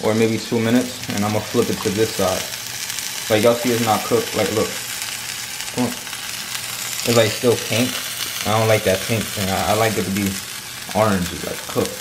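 A young man co-hosts a home cooking vlog with a lowish voice, fairly even intonation, and normal speed, pausing often as he talks in an informal, slangy way. He's indoors in an echoey home kitchen with loud sizzling and stirring in the background.

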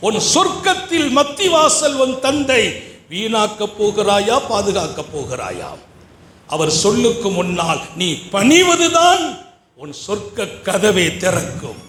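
High-voiced man preaching in an echoey hall. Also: slight background noise. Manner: swings between soft storytelling and loud, rising exhortation. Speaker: Islamic preacher. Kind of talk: sermon.

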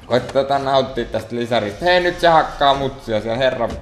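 A man's voice: mid-range voice, lively intonation, a little hiss or hum. A man giving gameplay commentary as a let's play host, muttering and grumbling at the game in an exasperated way. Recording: echoey room.

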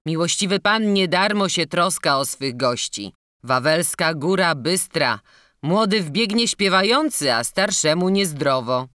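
A woman's voice: on the low side, animated, a little slow, a bit bright, no room sound, studio quality, voice pushed up. A woman voicing a polite, deferential male gatekeeper who speaks courteously to a churchman. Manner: courteous, advising.

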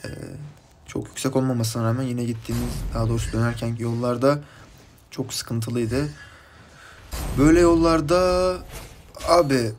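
A man from Turkey commenting casually on his mobile game match, chatty and rambling from topic to topic, with bursts of excited shouting at his teammates. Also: medium pitch, normal speed, pauses often, slight background noise. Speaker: gaming YouTuber.

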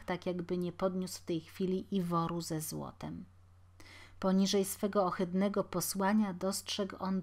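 A woman reading a classic novel aloud as an audiobook narrator, in a measured, expressive way. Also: medium pitch. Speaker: audiobook reader.

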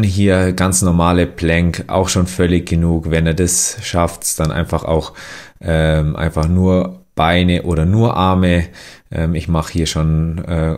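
A young man with a very low voice talks through a series of stretches and exercises. His instruction is loose and unscripted, full of fillers and restarted phrases. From Germany. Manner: relaxed, many fillers and restarts. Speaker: athlete demonstrating exercises.

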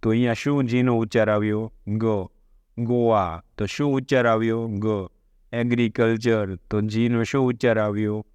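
Man, Gujarati accent, English teacher, asks questions step by step, clear voice, dry room. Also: on the low side, steady tone, moderate pace, a little mellow, dry recording. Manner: explains step by step and poses questions to the viewer. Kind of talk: spoken English lesson.

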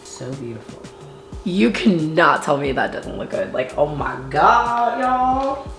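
A young vlogger in her own kitchen keeps up a bubbly casual chat to the camera, calling people babes and honey. She speaks low and very animatedly but takes her time, with soft music and echo around her.

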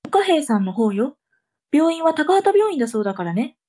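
A woman's voice: high-pitched, sing-song, normal speed, dark tone. A woman playing a bossy, scolding mother in a comic tongue-twister reading drama. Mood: brisk, instructing. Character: bossy, scolding mother sending children on errands.

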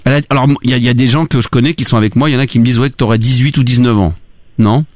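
A man's voice: mid-range voice, very fast, a little mellow, no echo. A young man hosting a radio prank show, teasing and mocking the people he calls and laughing often. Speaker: radio prank-call host. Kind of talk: prank call banter.

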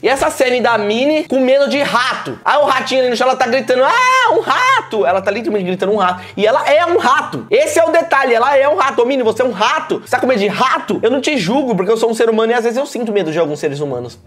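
A man's voice: very high-pitched, lively intonation, rapid-fire, hardly any pauses, fairly bright tone. A young Brazilian man hosting a reaction video, ranting in mock indignation and firing comic questions at cartoon characters. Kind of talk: comedic reaction commentary.

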